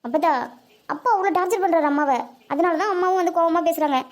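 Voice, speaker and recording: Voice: extremely high pitch, fast talker. A performer voicing a timid, anxious young village woman in a cartoon. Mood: pleading. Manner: anxious, pleading.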